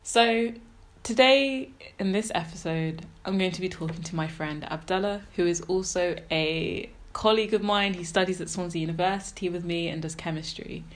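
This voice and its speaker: Woman podcast host, lowish voice. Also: moderate pace, few pauses. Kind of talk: casual interview.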